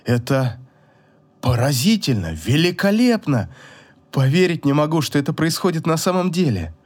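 An eager young heroine, read by a man in an audiobook, speaking with breathless excitement. The voice stays close to the reader's own, with a lively, swinging melody. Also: a little high, moderate pace, husky. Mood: amazed. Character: young woman heroine, eager and wide-eyed.

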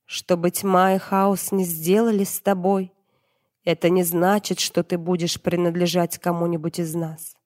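A woman reading the lines of a gentle, reassuring young man in an audiobook. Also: lowish voice, little pitch movement, a little slow, lightly acted. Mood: tender.

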